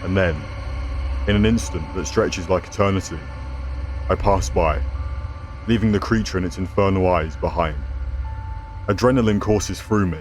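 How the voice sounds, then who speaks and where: A man's voice: sits low, slight background noise. A man narrating scripted horror stories as a host, with a theatrical, ominous horror-host delivery.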